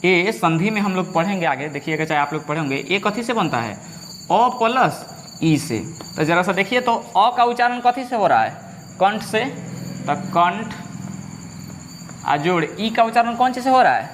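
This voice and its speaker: Male teacher, high lively voice, slow drilled delivery, long reverb with faint crickets. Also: slight background noise. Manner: asks questions, then repeats the answers slowly. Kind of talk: Hindi grammar lesson.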